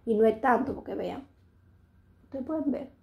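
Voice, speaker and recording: A middle-aged Dominican-accented vlogger addresses her audience on camera in a warm, creaky, higher-pitched voice at normal speed. Her casual chat meanders, and she often restarts what she's saying.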